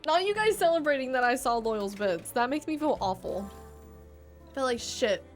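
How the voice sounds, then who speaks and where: A woman's voice: sits high, lively intonation, normal speed. A woman livestreaming a video game, chatting casually with viewers, swearing freely and laughing often. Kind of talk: casual gameplay chat. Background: game music.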